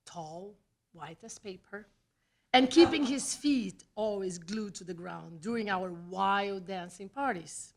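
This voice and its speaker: At a live reading in a small theatre, a Brazilian-accented writer whose native language is Portuguese reads her own personal essay aloud. Her medium-pitched voice moves through the scripted story with deliberate phrasing and dramatic pauses.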